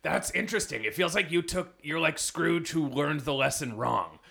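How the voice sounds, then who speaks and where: A man with a cartoonishly gravelly voice, hosting a comedy podcast with mock-grandiose, joking banter. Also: on the high side, expressive, normal speed, bright, forceful tone. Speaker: podcast host.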